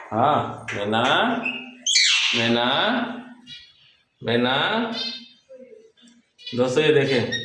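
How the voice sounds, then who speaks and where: A man chatting casually in a pet vlog, greeting viewers and cooing to his pet birds. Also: mid-range voice. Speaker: vlogger. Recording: loud background noise with bird squawks.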